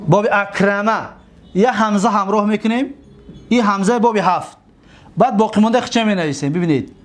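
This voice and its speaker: A man teaching Arabic grammar, drilling word forms over and over and asking questions that he then answers himself. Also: sits high. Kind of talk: classroom-style lecture.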